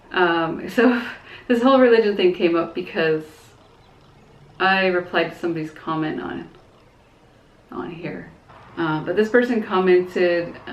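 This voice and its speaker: A young woman speaking in a fairly low voice in a casual vlog, earnest and blunt but stumbling over her words with ums and short laughs. Her voice is picked up by a camera mic in an echoey room at home, slightly muffled, with a faint hiss behind it. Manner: earnest and frank, hesitant with fillers and small laughs. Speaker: vlogger. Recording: echoey, dull room sound.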